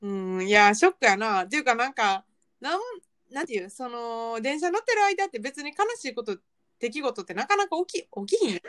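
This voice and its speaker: A woman's voice: a little high, expressive, fairly quick, fairly bright tone. A woman with a Kansai accent chatting casually and reacting as a podcast co-host. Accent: Kansai Japanese. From Kansai, Japan.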